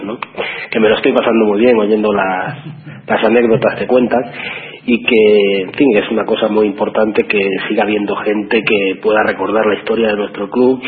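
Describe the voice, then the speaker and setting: Guy calling into a radio show over the phone, lowish voice, hesitant, keeps restarting, tinny phone line sound. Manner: hesitant, restarts and repeats words. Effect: heard over the phone line. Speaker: radio call-in listener. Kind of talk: friendly live call to a radio show.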